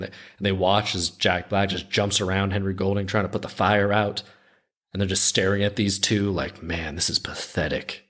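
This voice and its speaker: Low-voiced man casually retelling a story. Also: fairly bright tone. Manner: conversational, with frequent restarts. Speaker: podcast host.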